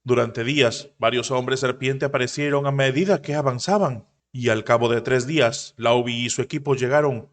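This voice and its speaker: A man narrating a manhwa story recap, briefly raising his pitch to voice the characters he quotes. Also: steady tone, normal speed, hardly any pauses, long reverb tail.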